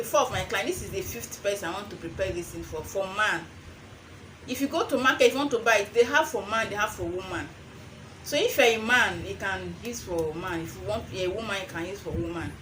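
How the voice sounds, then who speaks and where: A woman's voice: medium pitch, expressive, fairly quick, noisy background. A young adult woman with a Nigerian accent gives an informal how-to demonstration, slipping into Pidgin phrasing and repeating phrases for emphasis. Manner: slips between English and Pidgin phrasing. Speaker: herbal remedy seller and vlogger.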